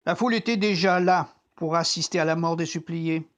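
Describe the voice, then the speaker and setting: An actor playing a troubled, conscience-stricken Roman centurion, reflecting deliberately in a dramatic biblical monologue as if talking to himself. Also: mid-range voice, lightly acted. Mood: reflective, ashamed. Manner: introspective, deliberate, theatrical.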